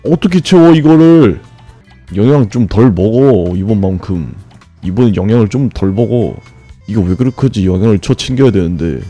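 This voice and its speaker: A man streaming a game, grumbling and swearing at it, then breaking into sudden high shouts. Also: animated, moderate pace, muffled recording, faint music behind. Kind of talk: frustrated live gameplay commentary.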